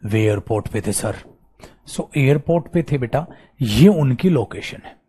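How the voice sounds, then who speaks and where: A man's voice: medium pitch, measured pace, husky. A man with an Indian English accent teaching an online English grammar class, switching between Hindi and English and acting out short student replies and dialogues. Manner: animated, acts out student replies and little dialogues; calls listeners beta and bhaiya, mixes Hindi and English. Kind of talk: online coaching class lecture.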